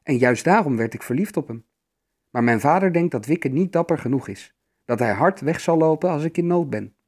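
A man's voice: fairly high pitch, animated, a little fast, darkish tone, husky. A man voicing a young princess in love who talks in an earnest, pleading way.

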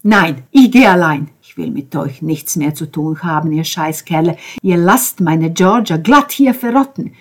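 A woman voicing an enraged young man who shouts and swears in a German audiobook. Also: on the low side, level tone, normal speed, vocal fry, hardly any pauses, breathy edge. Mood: furious. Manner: shouting, swearing, loud and raised. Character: furious young man cursing at everyone. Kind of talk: audiobook character voice.

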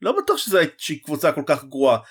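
A man's voice: on the high side, big pitch swings, a bit bright, husky. A man co-hosting a sports podcast, talking animatedly and groping for names and words. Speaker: podcast co-host. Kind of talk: casual sports talk.

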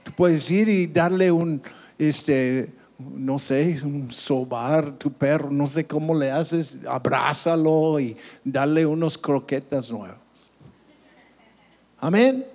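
A man's voice: a little high, takes it slowly. A man preaching a sermon as pastor, calling out amen often and stumbling over words. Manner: animated preaching with frequent call-outs of amen; stumbles and restarts words, laughs at own slips.

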